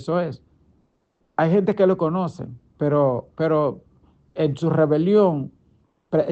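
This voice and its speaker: Middle-aged preacher, kinda high voice, punchy and chatty, asks the listener questions a lot, dull muffled recording. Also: male voice, warm tone. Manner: emphatic, conversational preaching with rhetorical questions. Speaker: pastor. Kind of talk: daily devotional sermon.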